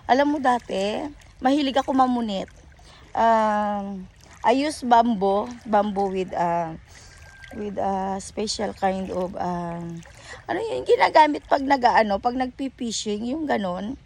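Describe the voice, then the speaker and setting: A woman's voice: medium pitch, a little slow, darkish tone. A woman with a Filipino accent vlogging outdoors by a river, rambling in a chatty, casual way with many fillers and self-corrections. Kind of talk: casual chat mixing English and Tagalog.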